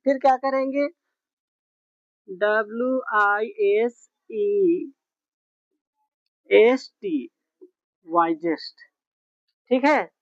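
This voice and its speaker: A woman teaching English grammar slowly, spelling words out and checking in often with her students. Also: a little high, darkish tone, no room sound. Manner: slow, repetitive, spells words out letter by letter with frequent check-ins. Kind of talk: classroom grammar lesson. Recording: dull, muffled lo-fi sound.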